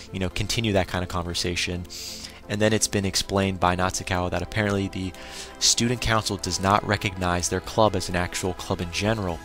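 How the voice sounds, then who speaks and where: A man's voice: low-pitched, fairly bright tone. Opinionated man recapping an anime episode. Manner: opinionated, exclaiming reactions. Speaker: anime reviewer.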